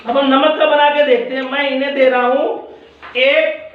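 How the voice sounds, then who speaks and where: A man's voice: very high-pitched, level tone, moderate pace. A male science teacher in a classroom, quizzing and scolding pupils, repeating his questions. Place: school classroom. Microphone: far from the mic. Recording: echoey classroom, far off, dull.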